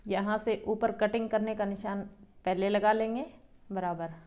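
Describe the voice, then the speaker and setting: Woman, boutique owner, step-by-step sewing lesson, calm and explanatory, mid pitch. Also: normal speed. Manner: calm, explains each step while working. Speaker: boutique owner teaching tailoring.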